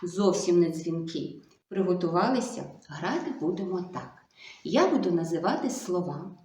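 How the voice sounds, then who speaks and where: A woman speech therapist giving a video lesson to young children, slow and coaxing, full of sing-song diminutives. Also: lowish voice, expressive, background noise. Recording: echoey room.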